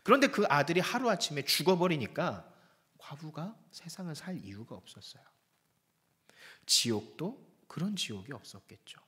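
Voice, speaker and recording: Man, pastor, sermon, fairly high voice, very animated, dramatic storytelling, whispered drops.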